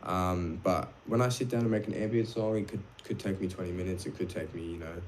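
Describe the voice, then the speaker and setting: A young man with an Australian accent and a low voice talks casually as a guest. He rambles, restarts his sentences and says um often. Faint hiss sits behind him on an online call. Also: a little fast, darkish tone. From Wales. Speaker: music producer guest. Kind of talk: casual chat.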